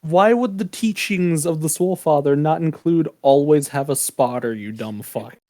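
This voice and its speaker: A man's voice: on the high side, moderate pace, mellow, dry recording, studio quality. A man playing a tabletop game, chatting casually and bantering with the group.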